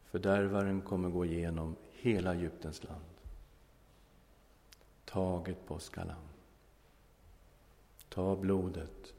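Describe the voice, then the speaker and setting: A man's voice: low-pitched, little pitch movement, vocal fry, long pauses, warm tone. A male preacher giving a sermon, telling a Bible story with humor and ending in prayer. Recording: long echoing hall reverb.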